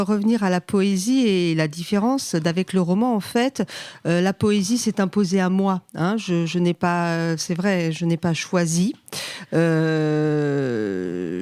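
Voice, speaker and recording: A woman's voice: on the low side, a little mellow, no room sound. A woman in her fifties from France, a poet and psychoanalyst, answering thoughtfully with many fillers and restarts. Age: 50s. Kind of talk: conversational interview answers. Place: radio studio.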